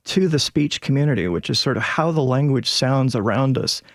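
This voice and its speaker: Creaky Northern American man explaining. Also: medium pitch, expressive, normal speed, no room sound, studio quality. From northern United States. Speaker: linguist guest. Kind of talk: explanatory panel talk.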